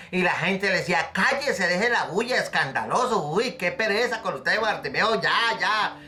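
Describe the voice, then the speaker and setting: A man preaching with fervent conviction, pressing his listeners with pleading questions and acting out the voices of scripture. His voice is bright and ringing, pitched a little high for a man. A faint guitar plays softly underneath. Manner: acts out the scripture voices he quotes. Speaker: pastor. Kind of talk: recorded sermon.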